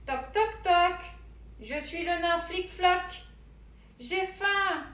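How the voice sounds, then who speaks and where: A tiny, friendly dwarf with a perky voice chirps his lines in a storybook tale, as a woman reader puts him on. The voice sits high and is heard from off the mic in an echoey room. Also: extremely slow, a bit bright, far from the mic, full character voice. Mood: eager. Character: tiny hungry male dwarf, friendly and generous.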